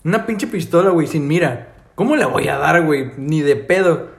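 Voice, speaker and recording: Animated young Mexican man telling stories. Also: fairly high pitch, moderate pace, creaky. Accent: Mexican Spanish. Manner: slangy, animated, laughs often. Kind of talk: casual chat, storytelling.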